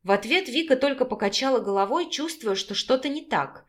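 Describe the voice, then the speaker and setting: A woman giving steady scripted narration of a romance novel audiobook. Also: high voice, fairly quick.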